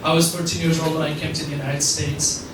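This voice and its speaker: His voice is on the high side with little pitch movement and runs a little fast. The young Afghan alumni speaker rambles through a networking-event speech packed with fillers, captured far off in a reverberant room amid background noise.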